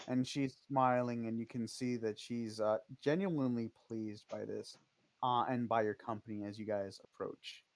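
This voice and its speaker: A man narrating a tabletop game as game master, unhurried, with many ums and uhs. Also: mid-range voice, dry recording.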